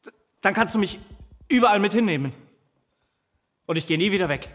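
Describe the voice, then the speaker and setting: An actor playing a devoted protective companion who imagines himself tiny and vengeful, speaking in a halting theatrical monologue that keeps stammering and repeating words. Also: male voice, sits high, expressive, fairly bright tone, in a large hall. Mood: tender. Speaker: stage actor in a filmed play.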